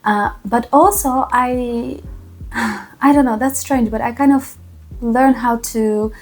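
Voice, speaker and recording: A vlogger from a small town in Poland gives an earnest, reflective personal testimonial to camera, speaking with a Polish accent and thoughtful, halting pauses. Her voice is fairly high with a darkish tone.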